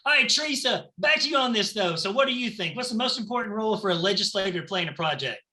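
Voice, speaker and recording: A man's voice: high-pitched, expressive, sharp tone. A man with a Southern US drawl hosting a family game show over a video call, playful and chatty. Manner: playful, chatty, quick banter.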